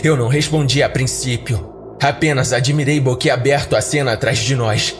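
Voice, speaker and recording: With a Brazilian accent and a medium-pitched voice, a male podcast host reads a scripted horror story in the first person, dramatically. His intonation stays fairly even and his pace moderate, and background music plays under him.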